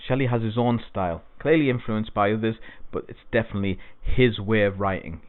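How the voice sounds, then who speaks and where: A man's voice: fairly low pitch, no room sound. A man teaching an exam-prep poetry lesson, explaining things patiently and repeating key points. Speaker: English tutor. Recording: dry, phone-like lo-fi sound.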